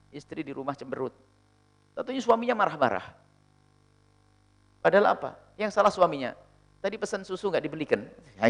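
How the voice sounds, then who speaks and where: This is a male preacher with a notably high voice that swings widely up and down as he speaks. He delivers a lively sermon, answering a question and slipping into short acted-out exchanges between people. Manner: lively, acts out little dialogues in different voices.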